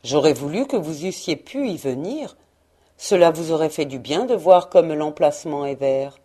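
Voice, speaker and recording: A gentle father from a storybook, quiet and tender in his grief, as a woman reader voices him. The delivery is mellow and low-pitched for her. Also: lively intonation, normal speed. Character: grieving gentle poor father.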